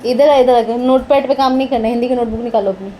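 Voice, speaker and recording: Stern high-voiced mother scolding. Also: quick pace, warm tone, a little hiss or hum. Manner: stern, firm, repeating commands. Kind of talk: scolding a child at home.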